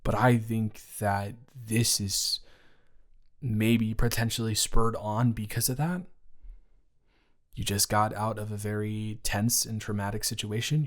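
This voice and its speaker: Playing a young best friend in an improvised, intimate audio roleplay, a man speaks with halting, emotional, natural delivery, indignant yet gentle overall. In this moment he is gentle and reassuring, his voice on the low side, steady and close to everyday speech.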